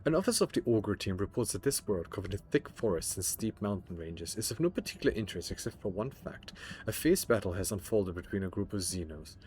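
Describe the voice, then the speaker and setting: A man's voice: lowish voice, very animated, fast, darkish tone, a little hiss or hum. A young man livestreaming a game, rambling and stammering as he chats, swears and jokes with his viewers. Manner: rambling, stammering, profane and joking. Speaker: streamer. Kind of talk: casual game livestream chat.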